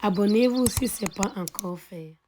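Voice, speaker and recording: A woman hosting a cooking video, calmly narrating each recipe step, her voice a little hoarse from being ill. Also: medium pitch, normal speed, very noisy. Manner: calm, methodical, repeats set phrases. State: slightly hoarse from illness. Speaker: cooking channel host.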